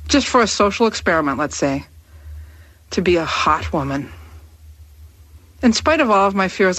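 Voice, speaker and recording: A woman in her thirties reading her own personal essay aloud in a candid, wry, measured way. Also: on the low side, a bit bright, dry recording. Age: 30s.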